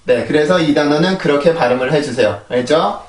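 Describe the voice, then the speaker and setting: A man's voice: fairly high pitch, fairly quick. A man with a Korean accent teaching English pronunciation, repeating drill words and asking rhetorical questions. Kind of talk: pronunciation lesson. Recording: echoey room, voice a bit far from the mic.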